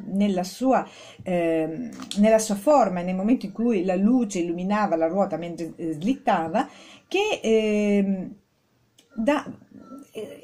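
A woman giving a spoken art history lesson, informal, with many fillers and restarts, stressing key words with rising pitch. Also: dark tone. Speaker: art teacher.

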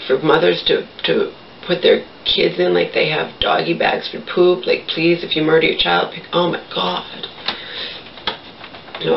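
This vlogger is a thirtysomething woman rambling casually and bluntly to a camera placed across her small bedroom, cursing without restraint. Her voice is low and gravelly, and the recording sounds far off and muffled, with a little background noise.

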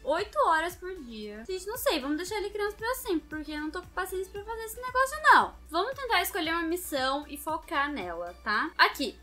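A woman's voice: high-pitched, bright, forceful tone. A young woman hosting her own gaming channel, chatting casually to viewers as she plays a mobile game. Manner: chatty, talks straight to viewers. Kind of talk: casual gameplay commentary.

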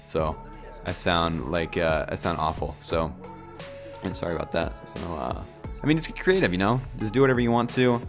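A low-voiced man hosts a casual screen-recorded software tutorial while sick, his voice nasal and cracking from a sore throat. He rambles at a moderate pace in a relaxed way, full of fillers, as faint music plays beneath him.

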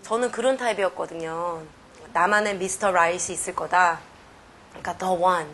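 A woman in her thirties chatting casually and telling stories in a lively way. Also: lowish voice, normal speed, faint music behind. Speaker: documentary subject. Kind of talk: casual chat and interview. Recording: ambient background noise.

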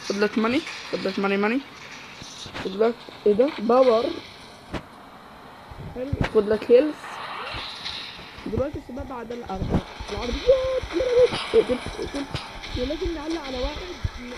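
A gaming YouTuber with an Egyptian Arabic accent and a very high voice gives excitable live gameplay commentary, repeating words in quick bursts. The background is noisy.

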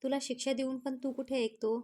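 A woman voicing a feisty sharp-tongued young wife. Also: high-pitched, little pitch movement, fairly quick. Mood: scolding. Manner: scolding, teasing.

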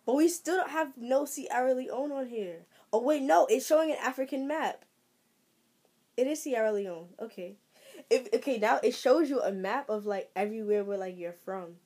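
A young woman vlogging casually, excitable and exclaiming as she thinks aloud while reading out results. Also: fairly high pitch, normal speed. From Trinidad. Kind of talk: casual vlog, reacting to results.

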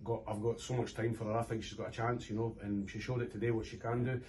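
A Scottish man in his forties, a football manager giving an animated post-match interview in a club room. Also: on the low side, fast. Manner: animated, gestures with his hands while talking. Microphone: camera from a few metres. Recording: distant camera mic, faint room hiss.

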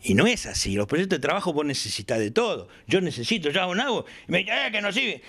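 A man's voice: high-pitched, fast talker. An older man with an Argentine accent, chatting in his workshop as an interviewee and telling stories animatedly, acting out the dialogue he quotes. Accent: Argentine Spanish. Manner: animated storyteller who acts out quoted dialogue. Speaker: aircraft builder interviewee.

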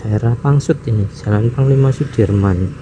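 Out on his motorcycle in city traffic, a man with a medium-pitched voice narrates his ride for a motovlog. He takes his time, chuckling and musing aloud about where to head, while traffic and engine noise fill the background.

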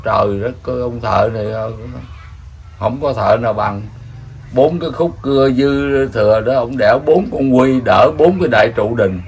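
Older Southern Vietnamese man, mid-pitched folk storyteller, rambling and animated; faint background noise. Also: moderate pace. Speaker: elder storyteller. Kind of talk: casual storytelling.

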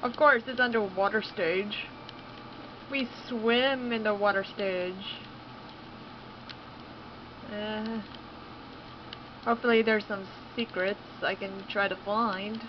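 A woman's voice: mid-range voice, fairly even intonation, takes it slowly, pauses often, highs cut off, background noise. A young woman giving casual commentary on a video game she is playing, exclaiming and laughing as it goes. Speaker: let's play gamer.

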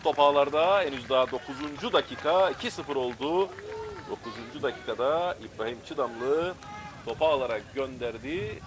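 A man giving live football play-by-play, bursting into loud, excited shouts at key moments. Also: medium pitch, a little fast. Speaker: football match commentator.

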